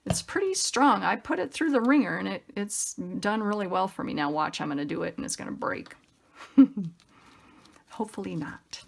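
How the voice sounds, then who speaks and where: Hosting a craft tutorial, a woman chats casually, upbeat and effusive, thinking aloud while she works. Her mid-range voice has a creaky quality.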